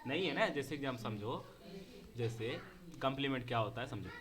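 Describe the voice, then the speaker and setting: A man's voice: medium pitch, animated, brisk. A man teaching a grammar lesson to a class. He speaks, repeats key words and keeps asking whether the students understand.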